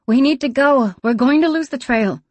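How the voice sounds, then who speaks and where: A woman reading an audiobook, voicing a sharp-tongued, impatient young woman. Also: mid-range voice, a little fast, dry recording, close to an everyday voice.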